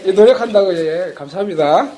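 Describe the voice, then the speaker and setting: Male pastor, sermon, very high voice, playful storyteller, church mic. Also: expressive, a little fast, warm tone, a little hiss or hum. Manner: playful storytelling, laughs often.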